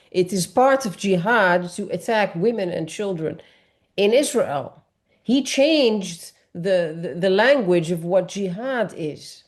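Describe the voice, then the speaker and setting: A woman's voice: mid-range voice, a little mellow. A woman from Morocco, speaking earnestly on a panel discussion and explaining at length with frequent restarts.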